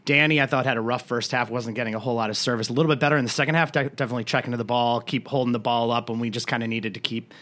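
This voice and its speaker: A man's voice: medium pitch, steady tone, racing, hardly any pauses, a bit bright. A man co-hosting a sports podcast, chatting loosely about a soccer match with frequent restarts. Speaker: podcast co-host. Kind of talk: casual sports chat.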